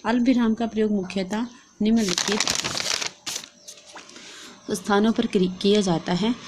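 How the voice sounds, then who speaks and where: A woman with a Hindi accent explaining a lesson plan step by step in a steady, instructive way, as a teacher-training vlogger. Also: mid-range voice, a little slow, music in the background. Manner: steady instructive delivery, reading out and dictating.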